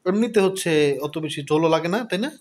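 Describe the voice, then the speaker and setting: A man's voice: a little high, lively intonation, fast, crowd noise. A man with a Barishal-area accent, chatting casually to camera while cooking at home, who often adds short affirmations. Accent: Barishal-area Bangla. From Barishal area, Bangladesh. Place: rural home at night, outdoors.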